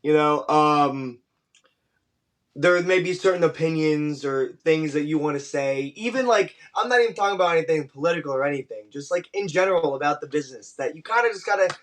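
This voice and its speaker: A man speaking as an interviewed pro wrestler, giving casual, measured and diplomatic answers in a conversational way. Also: on the high side, fairly bright tone.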